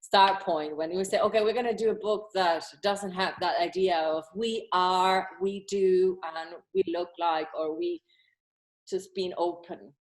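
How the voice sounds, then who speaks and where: Low-voiced woman from Argentina. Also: fairly even intonation, unhurried, rough recording. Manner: hesitant, searching for words, with many restarts. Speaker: graphic designer and publisher. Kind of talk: casual online talk. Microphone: video call.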